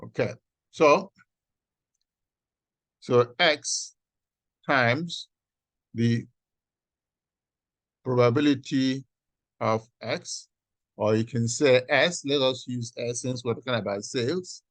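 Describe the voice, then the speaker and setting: Halting male professor, slow and dry. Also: medium pitch, no echo. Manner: halting, deliberate, checks in with "okay". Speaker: professor teaching an online class. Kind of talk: live online lecture, explaining step by step. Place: video call with screen sharing.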